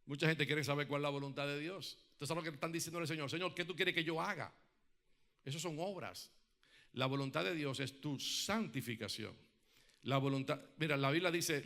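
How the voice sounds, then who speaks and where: High, bright-voiced preacher man. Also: fairly quick, creaky. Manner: calls on the congregation to repeat and respond; asks the audience frequent rhetorical questions. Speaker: pastor. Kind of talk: sermon.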